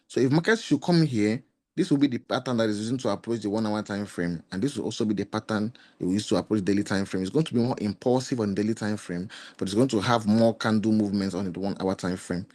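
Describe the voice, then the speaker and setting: A trading mentor with a slightly hoarse, lowish, darkish voice gives a screen-share lesson on trading charts. He walks through the steps, repeating key points and posing rhetorical questions.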